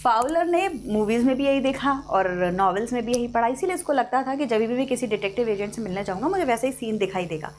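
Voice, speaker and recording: High-voiced woman teaching a lesson. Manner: mixes Hindi explanation with slow, deliberate reading of English lines. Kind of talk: online class lesson explaining an English story.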